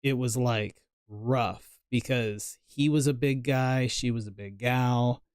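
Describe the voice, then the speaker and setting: A man's voice: mid-range voice, steady tone, slow, a little mellow, smooth, dry recording, clean studio sound. A man streaming a game and chatting casually, a rambling storyteller who teases and jokes. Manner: rambling storyteller, teasing and jokey. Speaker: gaming streamer. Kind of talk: casual chat while playing.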